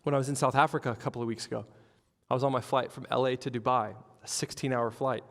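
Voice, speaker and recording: Male pastor, mid pitch, animated sermon delivery, reverberant church hall. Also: fast. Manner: animated storytelling with acted-out quotes.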